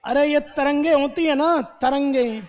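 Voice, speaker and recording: A man's voice: very high-pitched, fairly even intonation, unhurried, darkish tone. A man teaching vocabulary to a class, repeating words and quizzing students with questions. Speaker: English teacher. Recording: long hall reverb.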